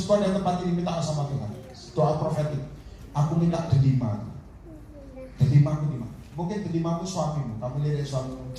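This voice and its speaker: A man preaching an animated sermon, often calling for an amen and acting out people in his stories. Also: on the high side. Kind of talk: lively sermon. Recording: distant, very echoey hall with faint noise.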